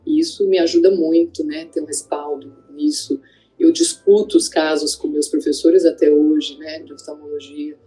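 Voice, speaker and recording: An ophthalmologist from Greater São Paulo, Brazil, reflects on her career in an interview, speaking conversationally with frequent fillers and tag questions. Her voice is low and dark, her pace normal, and the recording is rough.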